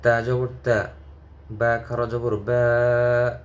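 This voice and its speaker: A man teaching Quran recitation, spelling out each syllable and repeating it, then chanting whole verses in a higher, drawn-out voice. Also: flat delivery, lo-fi sound. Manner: slow, syllable-by-syllable drilling, recited verses rising high and drawn out.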